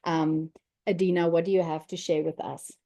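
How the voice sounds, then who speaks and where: A woman's voice: lowish voice, level tone, moderate pace, warm tone. A woman from Africa, co-hosting a podcast, who affirms others often and introduces the guest. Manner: affirming, frequent murmured agreement. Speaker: podcast co-host. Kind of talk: casual conversational.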